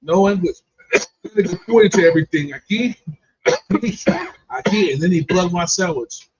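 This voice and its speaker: Man, co-host, casual comic chat, laughs along, fairly high voice, dull stream audio. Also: moderate pace, background noise. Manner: chatty, laughs along, chimes in with side comments.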